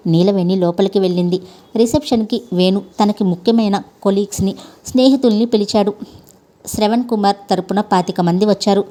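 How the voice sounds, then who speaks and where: Mellow woman narrating a story. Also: mid-range voice. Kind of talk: scripted narration.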